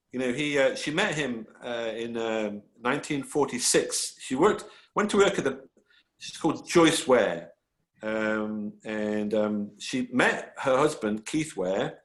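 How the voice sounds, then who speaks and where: Male author guest, mid pitch, rambling and eager, echoey room. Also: fairly bright tone. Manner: enthusiastic, rambling storyteller with many restarts. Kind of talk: casual panel talk. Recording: roomy echo.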